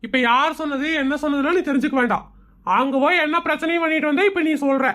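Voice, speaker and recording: A woman voicing an exasperated middle-aged husband who scolds his wife in an animated comedy cartoon. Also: high-pitched, fast. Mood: scolding.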